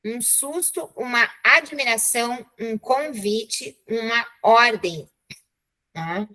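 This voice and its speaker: A Brazilian woman teaches a class over a video call, her voice high and bright. She is chatty and encouraging and keeps checking in with the students as she goes. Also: slow, rough recording. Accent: Brazilian Portuguese. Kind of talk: live online class.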